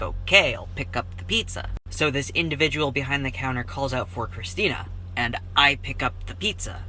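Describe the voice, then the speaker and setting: Bright-voiced man, wry deadpan storytime. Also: medium pitch, a little hiss or hum, low-quality recording. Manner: wry, deadpan, dry understatement. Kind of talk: casual storytime.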